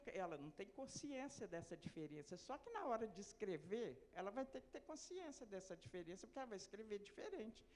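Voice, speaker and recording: A woman lectures at a middle pitch, steady and explanatory. She keeps asking rhetorical questions and then answering them herself, in the manner of a university talk. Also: a little hiss or hum. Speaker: literacy education lecturer. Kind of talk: academic lecture.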